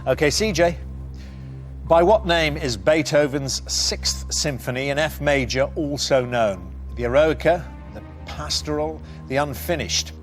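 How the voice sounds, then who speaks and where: A man with a fairly high voice hosts a TV quiz show in a studio, presenting at a measured pace and putting questions to contestants. A faint music bed plays behind him.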